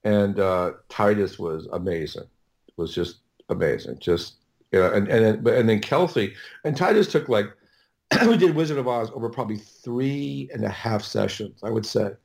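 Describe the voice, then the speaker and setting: A middle-aged American audiobook producer, guesting on a podcast, spins casual stories that wander, stall, and get self-corrected along the way. He speaks with a fairly low, gravelly voice and a darkish tone.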